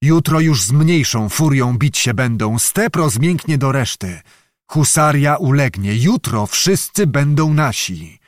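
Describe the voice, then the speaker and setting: A proud, scheming Cossack leader speaks firmly and talks others round, as a male narrator puts him on. His voice sits at a middling pitch for a man. The recording is dry and close. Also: expressive, a little slow, dry recording, lightly acted. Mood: persuasive.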